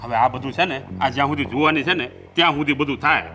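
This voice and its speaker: A man's voice: medium pitch, quick pace, background noise, natural voice. An actor with a Gujarati accent playing a weary older brother who lectures his hot-headed sibling. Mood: lecturing. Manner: scolding and weary. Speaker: older brother in a family drama. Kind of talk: Gujarati family drama acting.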